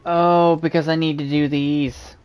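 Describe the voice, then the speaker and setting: A man's voice: on the high side, little pitch movement, a little slow, darkish tone, clean tone, soft background music. A man streaming a video game, giving casual, mumbling commentary and swearing now and then.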